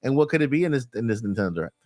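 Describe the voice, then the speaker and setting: A man hosting a casual podcast chat, animated, laughing as he talks and repeating his words. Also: mid-range voice, very fast, no echo, studio quality. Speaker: podcast host.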